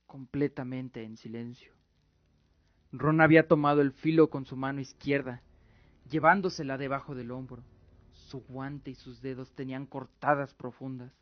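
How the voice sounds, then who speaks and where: In a scripted radio drama, a man with a medium-pitched voice narrates in a solemn, theatrical style. The audio is muffled and lo-fi with music playing behind him, though there's no echo.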